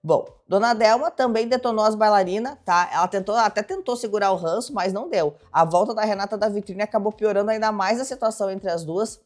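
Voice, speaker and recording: A woman's voice: medium pitch, fairly quick, hardly any pauses, a little mellow, faint music behind. A woman hosting a chatty, dramatic reality show gossip recap. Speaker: host.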